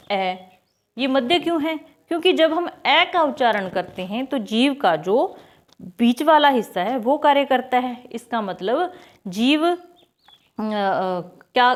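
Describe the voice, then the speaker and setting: Woman teacher explaining grammar step by step. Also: on the high side. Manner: explains step by step, asks and answers her own questions; says vowel sounds aloud slowly as examples. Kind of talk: online Hindi grammar lesson.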